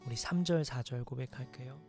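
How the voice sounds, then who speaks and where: A man preaching a sermon in an earnest, measured way, pausing to reflect and often dropping to a soft, hushed tone. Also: mid-range voice, faint music behind.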